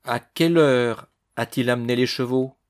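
A man's voice: medium pitch, normal speed, natural voice. A man voicing a stern male judge who questions a suspect severely, with a raised, insistent voice.

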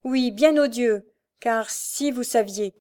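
A woman's voice: a little high, normal speed, darkish tone, close to an everyday voice. A woman voicing a desperate, tormented young woman thief with pleading, impassioned outbursts. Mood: anguished.

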